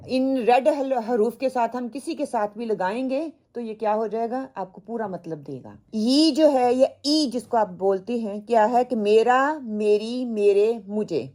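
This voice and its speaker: A woman teaching a Quran translation lesson, mixing in English words, opening with prayers and repeating word lists slowly for her students. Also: a little high, dark tone. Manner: opens with prayers and blessings. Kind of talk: Urdu language lesson mixed with English.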